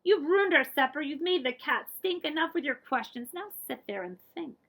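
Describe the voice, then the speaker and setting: Exasperated picture-book parent, voiced by a woman: high, swooping, loud, laying down the law. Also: lively intonation, normal speed. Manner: loud, emphatic commands. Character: frazzled, exasperated parents scolding their child.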